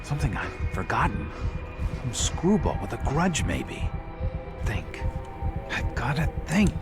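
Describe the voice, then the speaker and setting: A man's voice: medium pitch, very animated, a little slow, loud music behind the voice. An actor playing a troubled detective in a video game, muttering to himself in an agitated, unhinged way as his sanity slips. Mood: unhinged, bewildered.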